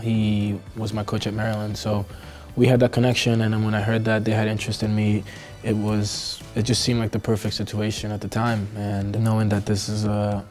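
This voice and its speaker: A low-voiced man from Costa Rica answers questions in a seated studio interview, his voice staying level with little rise or fall. He hesitates often, restarting phrases and filling gaps, and faint music plays behind him. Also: darkish tone. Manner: hesitant, many fillers and restarts. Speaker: professional soccer player. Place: indoor studio backdrop.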